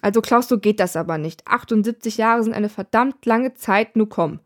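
A woman's voice: mid-range voice, normal speed, natural voice. A woman voicing Death as a tired, grumpy male worker who sighs and grumbles, put-upon by his job.

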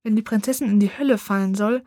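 A quick-witted young boy hero from a storybook, calling out eagerly and staying cool-headed, as a woman reads him. The voice is close and dry. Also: medium pitch, dark tone, no room sound, lightly acted.

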